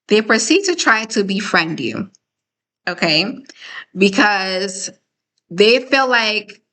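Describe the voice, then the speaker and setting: A woman hosts a casual live stream, talking straight to her viewers in a clear, bright voice that sits at a middle pitch. She keeps it conversational and emphatic, tagging her points with "okay?" and "right?" as she goes. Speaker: host of a live discussion.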